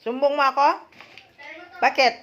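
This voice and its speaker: An older woman, a grandmother, teasing a small child with quick, playful questions in a casual home vlog. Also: high voice, level tone, noisy background. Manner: teasing, rapid-fire questions. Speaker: grandmother vlogger.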